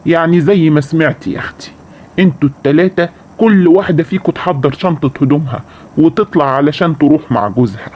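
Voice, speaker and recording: A man's voice: fairly high pitch, fast, lo-fi sound, natural voice. A man playing a harsh, cruel Egyptian father. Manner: gruff, insulting, bossy.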